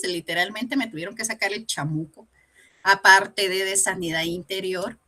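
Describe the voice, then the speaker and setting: A woman tells her own faith story as part of a church lesson. Her voice is bright and forward, and she brings the story to life by acting out the voices of the people in it. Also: mid-range voice. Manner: animated storytelling with acted dialogue. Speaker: church teacher giving a testimony. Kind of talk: personal testimony in a Bible lesson.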